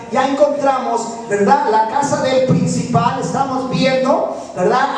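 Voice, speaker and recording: A man preaching a sermon as pastor, often turning to the congregation to ask if they follow him. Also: very high-pitched. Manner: keeps asking the congregation "right?". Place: church hall. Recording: very echoey, mic far off.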